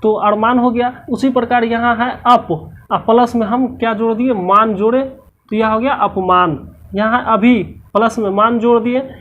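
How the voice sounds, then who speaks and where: A woman's voice: on the high side, steady tone, unhurried, narrow, tinny audio. A woman teacher going through a textbook lesson's questions, explaining each answer step by step and repeating the key words.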